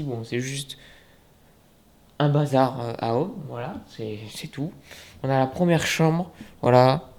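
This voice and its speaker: A man's voice: mid-range voice, darkish tone. Chatty young man giving a home tour. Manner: chatty, joking, many fillers. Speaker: vlogger. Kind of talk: casual apartment tour vlog. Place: indoors and on a balcony.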